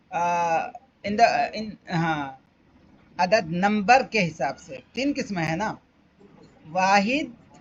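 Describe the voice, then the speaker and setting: A man's voice: sits high, fairly bright tone. A man teaching Arabic through an exam paper, explaining step by step and repeating each question. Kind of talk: exam-paper walkthrough lesson. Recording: dull lo-fi audio, faint background noise.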